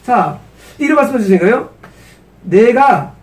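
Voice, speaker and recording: A man's voice: high voice, lively intonation, fairly quick, a little mellow, distant mic. A man preaching an expository sermon as pastor. He asks rhetorical questions and acts out Moses and God.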